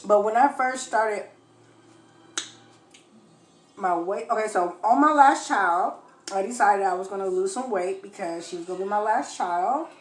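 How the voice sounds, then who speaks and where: A woman's voice: mid-range voice, normal speed. A young woman chatting casually to viewers as a mukbang host, chewing while she talks. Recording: echoey room with faint noise. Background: faint household noise, children in background.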